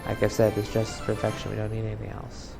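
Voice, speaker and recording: Off camera, a man voices over his gameplay with casual, sarcastic, grumbling commentary as game music plays. His fairly low voice is creaky and quick, delivered completely flat.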